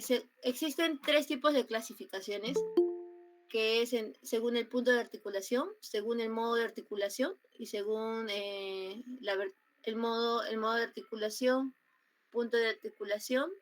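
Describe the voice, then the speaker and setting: A young woman with a Peruvian Spanish accent giving an online grammar class, explaining slowly with many fillers and repetitions over a computer mic. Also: fairly high pitch. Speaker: student tutor teaching grammar. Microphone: computer mic on a video call.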